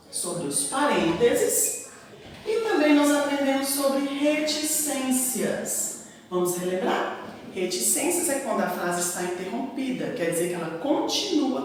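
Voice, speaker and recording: Lively Brazilian woman teacher, echoey room. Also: mid-range voice, slight background noise. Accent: Brazilian Portuguese. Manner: sing-song, emphatic teacher intonation with frequent "tá?" checks. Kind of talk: classroom lesson for children. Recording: echoey room, recorded from a distance.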